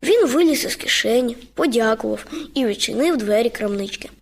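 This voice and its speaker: Woman storyteller, high-pitched, lively children's radio reading. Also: brisk, vocal fry. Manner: lively, expressive. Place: radio studio.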